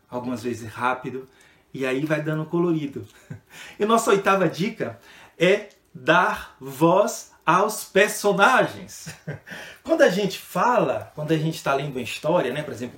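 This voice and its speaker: A man's voice: fairly high pitch, lively intonation, unhurried, fairly bright tone, reverberant. A man with a Brazilian Portuguese accent giving a lesson on reading stories aloud to children, often tagging phrases with "né?" and restarting words. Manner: frequent tag "né?" and restarts. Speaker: storytelling instructor.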